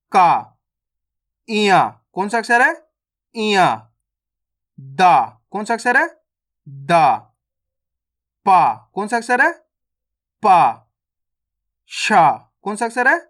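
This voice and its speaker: A man's voice: high voice, a bit bright. A man teaching the Hindi alphabet online, drilling each syllable and asking the viewer how to pronounce it.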